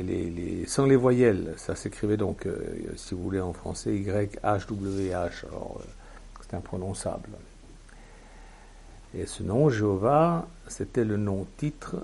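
A man's voice: fairly low pitch, creaky, dark tone, slightly rough. A man preaching a sermon in a teaching manner, with emphatic bursts and frequent fillers.

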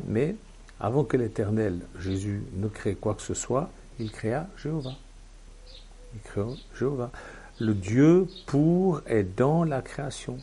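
Gravelly low-voiced male preacher. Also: mellow, a little hiss or hum. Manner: teaching, emphatic bursts and frequent fillers. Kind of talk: sermon.

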